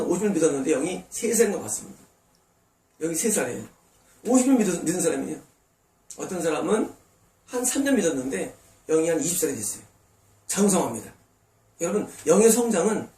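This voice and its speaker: A man's voice: sits high, darkish tone. A pastor preaching a sermon to his congregation, often putting rhetorical questions to them. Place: church sanctuary. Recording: echoey church sound from a distant mic.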